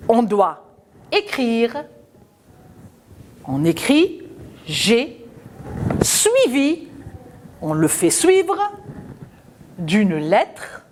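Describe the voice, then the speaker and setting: A woman teaching a children's phonics lesson, patient and questioning, spelling out letters and sounds slowly. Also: fairly high pitch, very animated, darkish tone.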